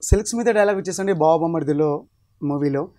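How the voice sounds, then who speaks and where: A man's voice: a little high, fast talker, mellow. Man, 40s, mimicry artist guest, humble, short replies, deferential. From Telangana, India. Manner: humble, short answers, addresses the host as sir. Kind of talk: interview answers.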